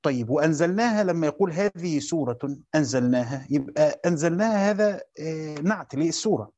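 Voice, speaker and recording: A man's voice: a little high, animated, fast, darkish tone, muffled recording. A man with an Egyptian Arabic accent teaching a lesson, explaining step by step and repeating his own questions. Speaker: teacher of Quran commentary. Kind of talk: classroom lecture.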